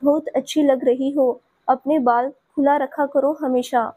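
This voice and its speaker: A woman voicing an affectionate, teasing young man who speaks gently and coaxingly. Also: high-pitched, fairly even intonation, a little slow, dry recording.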